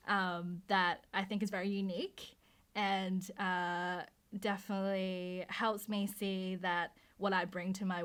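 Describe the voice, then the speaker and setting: A woman's voice: mid-range voice, fairly bright tone. A woman in her thirties, raised in Australia, answering interview questions about her design career, chatty with frequent fillers and restarts. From Hong Kong, raised in Australia. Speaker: motion designer.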